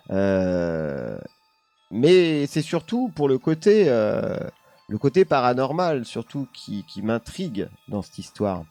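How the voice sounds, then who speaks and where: A man's voice: mid-range voice, dark tone, no echo. A man streaming live, casually telling a paranormal story while chatting with his viewers, laughing often and leaning on the same filler words.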